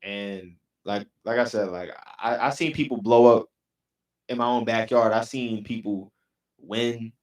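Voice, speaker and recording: A man's voice: fairly low pitch, steady tone, measured pace. Laid-back young New man. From New York City. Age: young adult. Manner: laid-back, repeats "you know what I'm saying". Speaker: rapper and producer, guest. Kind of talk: casual interview chat.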